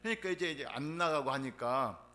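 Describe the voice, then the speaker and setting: A man's voice: mid-range voice, lively intonation, a little fast, pushed and bright. A middle-aged man preaching a sermon, telling a personal testimony and rising to emphatic fervor. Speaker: pastor.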